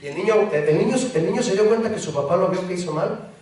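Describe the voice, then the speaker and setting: A pastor preaching a sermon, acting out the voices of a pleading child and a parent. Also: male voice, sits high, fast talker, a little mellow. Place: church hall. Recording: very echoey hall, mic far off.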